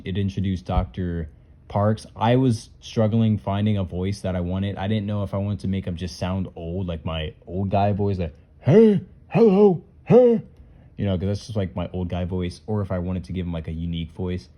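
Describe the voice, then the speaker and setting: A man's voice: sits low, warm tone. A man who makes puppet skits, casually talking through and ranking them in a loose, rambling way. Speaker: puppet skit creator. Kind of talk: casual commentary reviewing skits.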